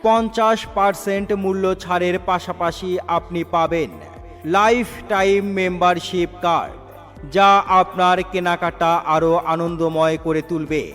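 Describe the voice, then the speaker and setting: A man with a high voice announces an advertisement in a loud, formal loudspeaker style. A long, hall-like echo trails his words over faint music. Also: fairly even intonation, a little slow. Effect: echoing loudspeaker-style announcement sound. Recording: long reverb with music underneath.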